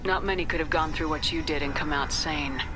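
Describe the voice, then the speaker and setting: A woman's voice: low voice, brisk, music in the background, lightly acted. A woman playing a confident military commander in a space video game, direct and composed, asking businesslike questions. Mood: supportive, steady.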